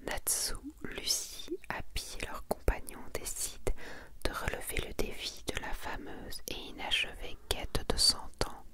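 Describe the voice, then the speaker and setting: A woman whispers slowly as an ASMR host, her delivery soft, hushed and unhurried. She presents a manga collection, reading summaries and making casual comments.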